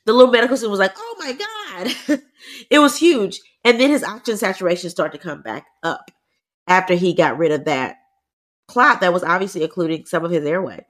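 A podcast co-host with a stuffy, congested, lowish voice chats casually and briskly. She is animated and breaks down medical terms in plain language.

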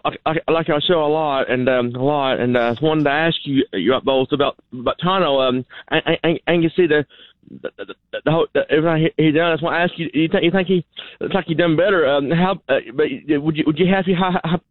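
A man calling in to a radio show, his voice thin and tinny as if through a phone. He talks fast and a little high, tripping over his words, repeating and restarting phrases. The line sounds dry and close. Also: dry recording. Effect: phone-line caller voice.

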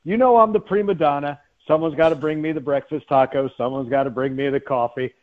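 An American play-by-play announcer with a voice on the high side talks briskly as a guest on a radio show. The casual, joking interview comes through a slightly dull, lo-fi guest line.

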